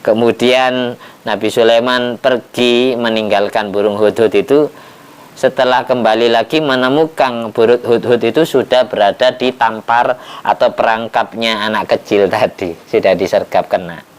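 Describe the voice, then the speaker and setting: A man's voice: mid-range voice, steady tone, moderate pace, clear, resonant tone. Resonant, folksy male preacher. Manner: folksy, teasing, repeats phrases for emphasis. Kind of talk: sermon, explaining Quran commentary.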